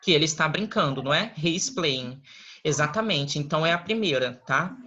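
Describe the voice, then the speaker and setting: A man, an English teacher giving a recorded class, who explains patiently step by step and keeps checking in with quick question tags. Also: fairly high pitch, expressive, bright, forceful tone, a little hiss or hum. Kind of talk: recorded online class lesson. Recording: slightly dull lo-fi recording.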